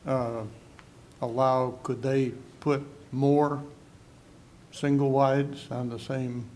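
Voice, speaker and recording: A man's voice: mid-range voice, little pitch movement, slow, mellow. A man asking a question as a board member at a public meeting. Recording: faint room noise.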